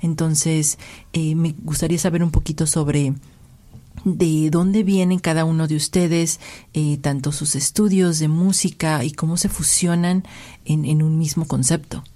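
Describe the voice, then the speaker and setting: A woman's voice: deep voice, fairly even intonation, unhurried, dark tone. A woman hosting an interview, asking long, winding questions padded with filler sounds. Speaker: interview host.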